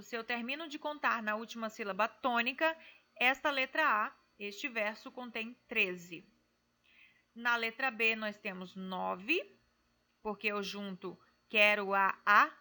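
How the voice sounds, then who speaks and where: Bright-voiced woman teaching verse. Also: a little high. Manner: slow and careful, spelling out syllables. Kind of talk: explaining exercises in a recorded class.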